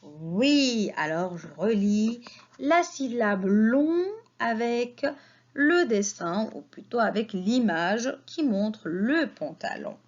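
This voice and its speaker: A woman leads a children's spelling lesson, stretching each syllable out and asking patient questions that she answers herself. Her fairly high voice moves a lot in pitch and goes at an unhurried pace. The recording sounds a little dull and lo-fi. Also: lively intonation. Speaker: teacher. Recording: slightly dull lo-fi audio.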